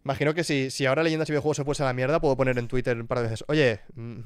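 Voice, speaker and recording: Smooth-voiced man chatting on stream. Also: medium pitch, steady tone, very fast, dry recording, clean studio sound. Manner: thinks aloud, with frequent restarts and asides. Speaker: streamer and YouTuber. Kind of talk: casual live-stream chat.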